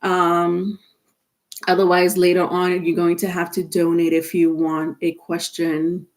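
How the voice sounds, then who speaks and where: Lowish and unhurried, this woman's voice stays completely flat. Congested from a stuffy nose, she chats casually with viewers during a live tarot stream, full of fillers, picked up only by her device's mic rather than a dedicated microphone.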